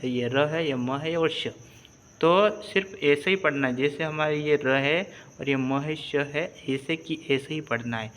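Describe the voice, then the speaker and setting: A man's voice: a little high, sharp tone. A man teaching a reading lesson step by step, patiently repeating and spelling out syllables.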